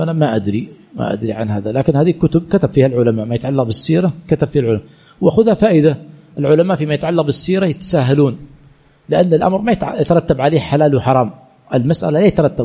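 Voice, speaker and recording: A man's voice: a little high, warm tone, husky. A man teaching as a sheikh, reading out questions and answering them in a colloquial style with frequent repetition. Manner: reads each question aloud, then answers with repeated phrases; colloquial, self-correcting delivery. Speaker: sheikh teaching Islamic jurisprudence. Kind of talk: answering listeners' questions in a religious lesson.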